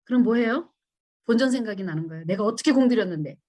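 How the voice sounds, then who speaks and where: A middle-aged woman lectures at a church women's seminar, her voice sitting a little high. She acts out her old pleas in quoted lines and often turns to ask the audience questions. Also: animated, fast, a little mellow. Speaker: seminar speaker.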